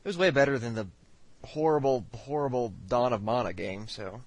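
A man's voice: medium pitch, normal speed, no room sound. Hesitant man on a podcast. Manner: hesitant, stumbling restarts. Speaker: podcast co-host. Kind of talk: casual podcast chat.

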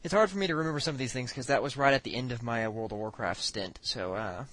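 A man's voice: mid-range voice, animated, racing, a bit bright. A man chatting on a casual podcast, hesitant and stumbling over his words. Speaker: podcast co-host.

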